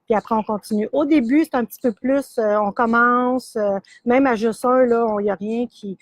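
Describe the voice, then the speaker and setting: This middle-aged woman, speaking with a Québécois French accent, hosts a relaxed live demo of yarn and sock blanks, filling the talk with fillers and ready laughter. She has a fairly high pitch and moderate pace, with no room sound at all.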